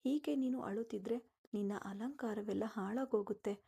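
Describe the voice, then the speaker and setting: A woman's voice: fairly high pitch, normal speed, creaky, warm tone, husky. Woman voicing a worried, pleading mother. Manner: pleading, sympathetic.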